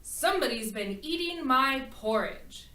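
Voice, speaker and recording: A big, stern papa bear from a storybook, as a woman narrator puts him on, declaring each complaint firmly. The voice is bright and sounds roomy from a distance. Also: high-pitched, lively intonation, a little slow, heavily acted. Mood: indignant. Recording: echoey room, far from mic.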